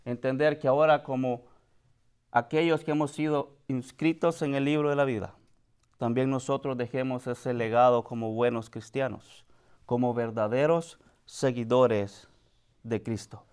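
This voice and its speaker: A man preaching a sermon, speaking to the congregation as brother, swinging from high, loud questions to soft, quiet lines. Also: fairly even intonation, a little slow, clear, resonant tone. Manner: addresses the congregation directly as brother.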